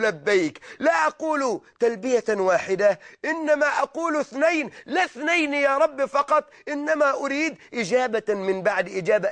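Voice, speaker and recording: A man preaching a sermon with impassioned, repeated rhetorical questions and drawn-out invocations. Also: very high-pitched, a bit bright.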